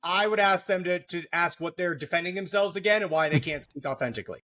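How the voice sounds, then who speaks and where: A man's voice: high voice, fast talker, pushed and bright. A middle-aged man hosting a podcast, explaining psychology in a casual, joking way with lots of fillers. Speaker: podcast host, therapist.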